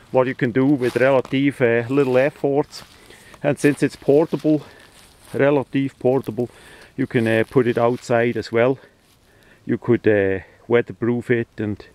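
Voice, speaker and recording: Lowish and darkish, the voice belongs to a man for whom English is a second language. He's a hobbyist video maker doing an informal hands-on demo outside by a tarp on the ground, and he speaks hesitantly.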